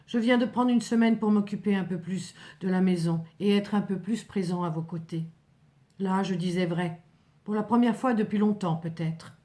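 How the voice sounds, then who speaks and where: A woman's voice: mid-range voice, moderate pace, mellow. Woman narrating a solemn dramatic story. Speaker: narrator reading a first-person story.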